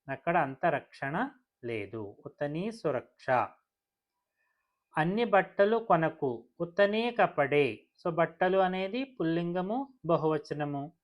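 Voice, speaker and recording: Language teacher at a measured, unhurried pace, repeating example phrases word by word. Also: medium pitch. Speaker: Hindi teacher. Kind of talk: language lesson.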